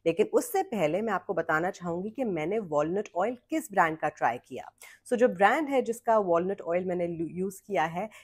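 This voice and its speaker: Chatty woman, lowish voice. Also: animated, moderate pace, darkish tone, husky. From India. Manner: chatty, mixes Hindi and English freely, recommending products. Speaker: skincare vlogger. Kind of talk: casual talk to camera.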